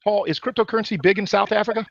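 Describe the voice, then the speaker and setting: Hosting a weekly webinar call, a man interviews his guest in a jokey, hype-driven way, calling him "my man." His high, fairly bright voice is very fast with vocal fry, and the audio is dull with no room sound.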